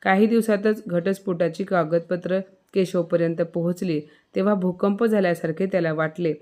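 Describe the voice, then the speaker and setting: A woman narrating a scripted moral story in a steady, measured way. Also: on the low side.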